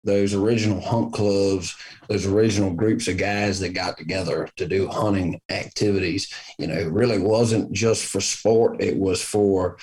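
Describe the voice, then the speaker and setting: Southern US male, earnest conversational storyteller, slightly deep, folksy delivery. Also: fairly even intonation, moderate pace, a little mellow, rough recording. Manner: folksy, earnest, repeats himself for emphasis. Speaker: hunter in conversation.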